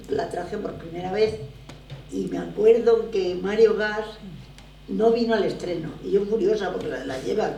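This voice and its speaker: A woman's voice: mid-range voice, vocal fry. An older woman from Barcelona, a theatre producer, telling stories emphatically in an interview. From Barcelona, Spain. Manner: animated, emphatic storytelling. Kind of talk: conversational interview. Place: lecture room at a drama school. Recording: echoey room, voice from far off, faint noise.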